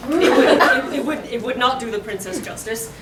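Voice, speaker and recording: A woman's voice: a little high, moderate pace. A woman on a cosplay panel, speaking in character with mock-grand, playfully menacing lines. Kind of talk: in-character convention panel banter. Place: large convention hall. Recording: echoey hall, distant mic, heavy noise.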